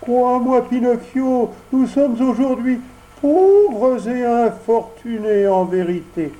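A man's voice: extremely high pitch, lively intonation, takes it slowly, mellow, pitched above the performer's own voice, heavily acted, low-quality recording. A man voicing a sly old fox beggar in a storybook reading, with a tearful, pleading whine. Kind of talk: audiobook character voice.

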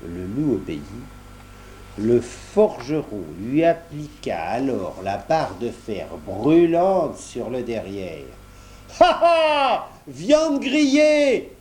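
Slow, lively male storyteller. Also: mid-range voice, slight background noise. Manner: addresses the young listener directly, explaining as he goes. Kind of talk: children's story reading.

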